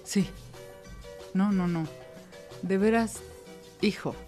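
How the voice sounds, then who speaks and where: A woman's voice: medium pitch, slow pace, darkish tone, faint music behind. A woman with a Mexican accent hosting a podcast in casual chat, emphatic and swearing freely. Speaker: podcast host.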